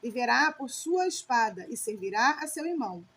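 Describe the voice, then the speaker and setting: A woman's voice: a little high, very animated, moderate pace, a bit bright, slight background noise. A woman reading the lines of an old blind father, solemn and grave, in her own voice.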